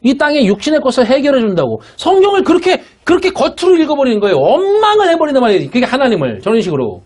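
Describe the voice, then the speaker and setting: A man's voice: very high-pitched, wildly swooping pitch, very fast, darkish tone. A man preaching a sermon as pastor, emphatic and blunt, often asking the congregation "예?" to check they follow. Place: church worship room.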